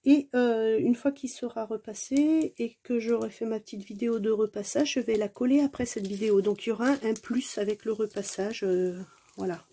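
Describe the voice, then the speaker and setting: Speaking to viewers while she unboxes a craft kit at home, a woman who makes diamond painting vlogs is chatty and exclamatory, with many fillers and playful self-mockery. Her warm voice is on the high side, steady in tone and moderately paced.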